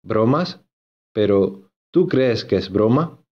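A man playing an earnest, lovesick young gentleman in a storybook, insistent and given to repeating himself. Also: lowish voice, lively intonation, takes it slowly, husky, dull audio, full character voice.

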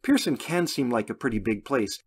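A man voicing a polite, helpful female airport agent with a brisk customer-service manner. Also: medium pitch, animated, husky.

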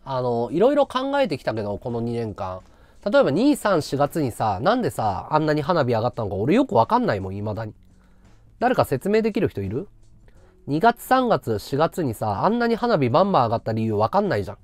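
A man's voice: medium pitch, wildly swooping pitch, brisk, dry recording. A man chatting casually on his livestream, rambling and muttering to himself as he works out figures. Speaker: live streamer.

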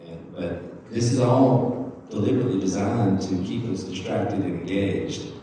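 A man's voice: deep voice, moderate pace, dark tone, a little hiss or hum. A man speaking as a panelist in a conference discussion, reflective and restarting his sentences. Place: conference room. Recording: echoey hall, distant mic.

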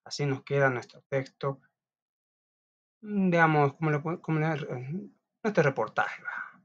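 Man, teacher, classroom lesson, chatty with restarts, animated pitch, lo-fi sound. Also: a little slow. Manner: lively, chatty, with restarts and asides. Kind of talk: classroom lesson reading notes aloud. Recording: dull lo-fi recording.

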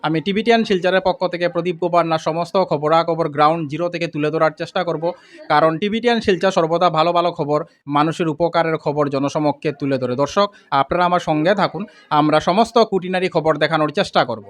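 Guy reporting live from a festival crowd, kinda high voice, handheld mic. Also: fast talker. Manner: announcing, repeats his outlet and name. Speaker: local news reporter. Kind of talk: on-the-spot field reporting.

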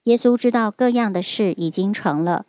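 A woman reading Bible verses aloud in a slow, measured way during a sermon. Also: medium pitch, darkish tone, no room sound, clean studio sound. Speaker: scripture reader.

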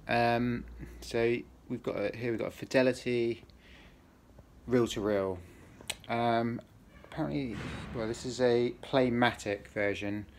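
With a steady, medium-pitched voice and a measured pace, a man demonstrates something for his video, talking casually but haltingly, wandering off track and revising what he says. He's indoors at a cluttered desk. Motor hum and the neighbours' racket come through clearly in the noisy recording.

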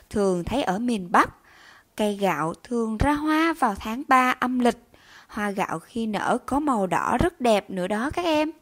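A woman teacher giving a recorded reading lesson to young children, pronouncing each word and syllable slowly and carefully. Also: fairly high pitch. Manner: slow, careful enunciation of words and syllables. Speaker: primary school teacher.

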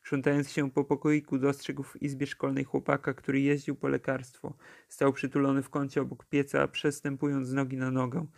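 A man narrating a classic novella for an audiobook, in a steady, measured reading. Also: medium pitch, creaky. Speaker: audiobook reader.

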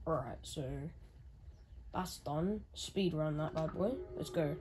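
A woman's voice: low-pitched, takes it slowly, slight background noise. A woman gaming on video, reading the game's story aloud with joking asides. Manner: animated, jokey asides to the story. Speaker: gaming YouTuber. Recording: game music playing behind. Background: game music.

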